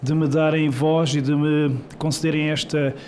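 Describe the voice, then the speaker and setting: A man's voice: fairly high pitch, level tone, normal speed, a little mellow, slight background noise. A man from Portugal with a European Portuguese accent, reading a prepared statement at a public hearing in an emphatic, rhetorical, indignant way. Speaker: journalist giving testimony. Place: senate hearing room.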